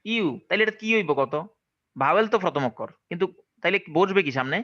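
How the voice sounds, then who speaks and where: Teaching English pronunciation in an online class, the man speaks with a Bangladeshi Bengali accent in a high, expressive, slightly bright voice, talking fast. He keeps asking questions to check the class follows along. Highs are cut off in the recording.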